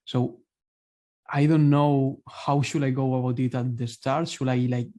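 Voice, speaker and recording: A man with a warm, darker voice talks through his options on a video call. He pauses and restarts as he works through his thoughts aloud. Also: mid-range voice, flat delivery. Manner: hesitant, thinking aloud. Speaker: coaching client. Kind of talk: asking questions on a call.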